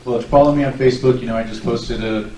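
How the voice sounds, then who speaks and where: At a public forum, a Southern California political candidate in his forties gives a speech and answers questions earnestly and with self-assurance. His medium-pitched, dark voice races along with fairly even intonation. A tablet records him from a distance in a large, echoey hall, with faint noise.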